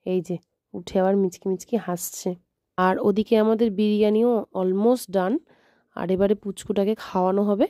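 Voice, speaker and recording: A vlogger with a Bengali accent narrates her days at home in a casual family vlog shot on a handheld phone, yet the audio is studio quality with no echo. She coos to a baby in a high, sing-song way, and in the mornings her voice drops hushed and low.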